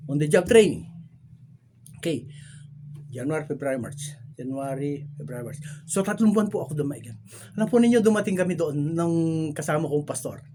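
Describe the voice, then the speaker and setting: A woman pastor giving a lively sermon, often turning to the congregation with questions and slipping in English phrases. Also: medium pitch, a little hiss or hum. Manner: lively preaching, keeps prompting listeners with questions; mixes English phrases into the talk.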